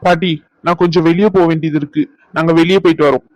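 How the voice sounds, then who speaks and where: A man's voice: fairly high pitch, fairly even intonation, quick pace, dry recording, close to an everyday voice, low-quality recording. A man voicing a young husband in a cartoon who insists firmly but coaxes affectionately. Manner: firm, coaxing, insistent.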